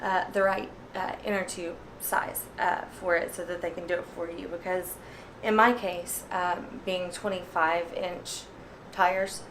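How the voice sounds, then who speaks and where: A woman vlogger talking casually through a repair demonstration, out of breath from working a hand pump and filling pauses with ums. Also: on the low side, flat delivery, a bit bright, a little hiss or hum. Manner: chatty, many ums, pauses while pumping.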